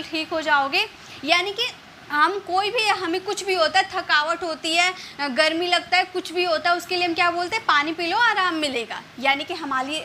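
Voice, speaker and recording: Woman, casual English vocabulary teacher, high voice, repeats words, faint room noise behind. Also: pushed and bright. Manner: explains slowly, repeats words, many fillers. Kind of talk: casual spoken lesson.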